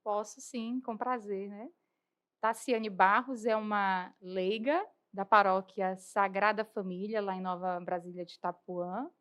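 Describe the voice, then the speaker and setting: A young lay church worker and lawyer from Bahia, Brazil, appears as a podcast guest, explaining church matters earnestly and articulately in Bahian Portuguese. She often adds tag questions. Her mid-range voice is a bit bright, with fairly even intonation and a measured pace.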